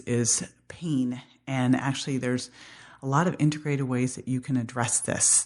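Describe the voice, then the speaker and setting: A woman hosting a podcast, chatting casually in an upbeat way with slang and easy laughs. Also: low-pitched. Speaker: podcast host. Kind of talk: casual interview chat.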